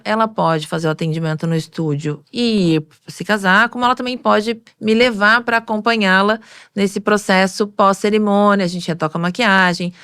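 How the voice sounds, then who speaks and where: Woman, makeup artist, animated interview storyteller, dry close sound. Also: mid-range voice, smooth, no room sound. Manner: animated storytelling, acting out quoted voices.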